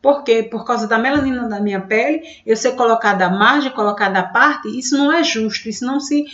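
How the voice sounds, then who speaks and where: A woman's voice: a little high, fast, a bit bright. A woman teaching a literature lesson, explaining and pointing things out with frequent tag questions. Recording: echoey room, dull lo-fi sound.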